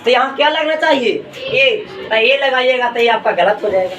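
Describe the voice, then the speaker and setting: A man's voice: very high-pitched, lively intonation, normal speed, a bit bright. A male teacher leads a classroom lesson, asking and answering his own questions over and over. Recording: echoey room, mic far off. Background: students in the room.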